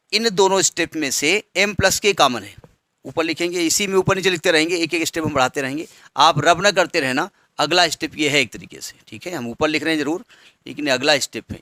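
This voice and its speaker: A man's voice: fairly high pitch, pushed and bright, no room sound. A man teaching a maths lesson step by step, patiently asking students questions as he works. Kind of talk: blackboard maths lecture.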